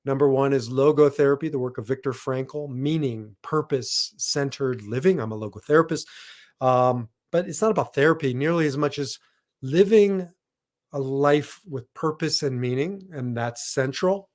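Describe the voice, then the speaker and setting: A man's voice: mid-range voice, moderate pace. Rambling man hosting a solo podcast. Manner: rambling, self-correcting, with asides. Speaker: podcast host and logotherapist. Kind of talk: casual solo podcast talk.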